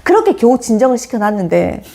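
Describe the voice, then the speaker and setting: Lively Korean woman telling a story. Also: on the high side, quick pace. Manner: animated, acts out quoted voices. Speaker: early childhood education lecturer. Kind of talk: casual storytelling chat with her husband.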